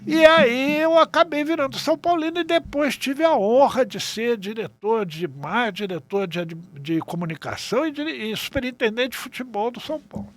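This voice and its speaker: An elderly man with an extremely high, expressive voice talks at a moderate pace with few pauses. He's a journalist and writer from Rio de Janeiro in his seventies, guesting on a podcast and casually recalling anecdotes, often adding "né" as he goes.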